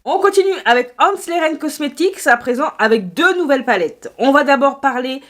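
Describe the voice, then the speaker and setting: A woman's voice: high-pitched, lively intonation, a little fast, fairly bright tone. A woman chatting through a makeup haul video, playful and self-mocking, talking straight to her viewers. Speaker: beauty YouTuber.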